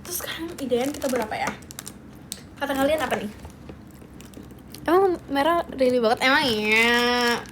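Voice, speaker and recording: A woman's voice: high voice, expressive, normal speed, long pauses, noisy background. A young woman hosting a casual livestream, chatting playfully with viewers, reading comments and giggling often. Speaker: livestream host.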